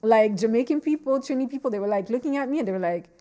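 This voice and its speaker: Slightly high-pitched and quick, this woman in her forties hails from Montreal and carries a Montreal French accent. Hosting her podcast, she spins candid, lively anecdotes, switching languages at will and doubling up words when searching for what to say.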